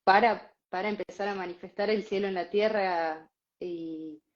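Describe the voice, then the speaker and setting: A woman, co-hosting and telling a spiritual story in a casual, animated way with frequent laughs. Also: mid-range voice, moderate pace. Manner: animated, laughs often, many fillers. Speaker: podcast co-host. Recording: slightly dull lo-fi sound.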